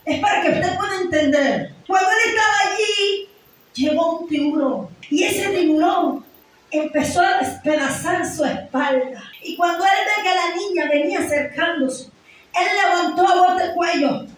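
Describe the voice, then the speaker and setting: A woman preacher giving an impassioned sermon, mostly shouting but at times sinking into low, hushed tones. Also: moderate pace. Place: church hall. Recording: very echoey hall, mic far off, faint noise.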